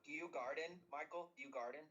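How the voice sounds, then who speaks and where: A man's voice: fairly high pitch, fast, pushed and bright, lo-fi sound, a little hiss or hum. A man on a casual podcast, goofily teasing his friends and boasting playfully. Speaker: podcast co-host. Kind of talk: casual banter among friends.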